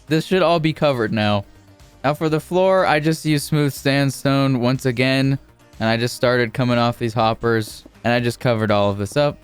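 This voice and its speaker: A man narrating a casual game building tutorial as a YouTuber, speaking informally in a steady, repetitive cadence. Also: mid-range voice, normal speed, clean tone, soft background music.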